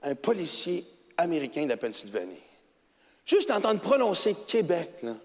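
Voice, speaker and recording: A middle-aged man from Quebec with a Québécois French accent, doing animated, colloquial stand-up storytelling that swings between mumbling and shouting, into a handheld mic in a theatre. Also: on the high side, moderate pace. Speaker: stand-up comedian. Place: large theatre stage with audience. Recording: hall reverb with audience ambience.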